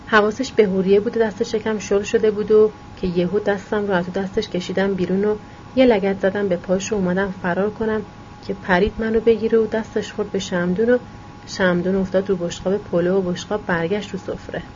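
A woman narrating a novel aloud in a calm, even storytelling voice. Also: medium pitch, dull audio, slight background noise. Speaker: audiobook narrator.

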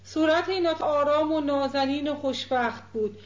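A woman narrating a novel as an audiobook in a measured, even reading. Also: high-pitched. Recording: dull echoey recording.

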